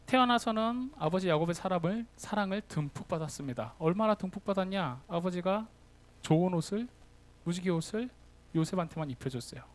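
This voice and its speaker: A young man preaching a sermon to young adults, telling the story lively and acting out the figures' words. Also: sits high, a little fast. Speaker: youth pastor.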